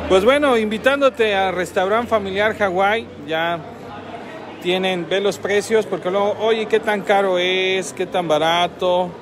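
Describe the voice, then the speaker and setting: A man's voice: high voice, slow pace, pauses often, crowd noise. A man with a Mexican accent casually reviewing a restaurant meal, repeating phrases and laughing often, filmed on a phone at a table near a road. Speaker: food vlogger.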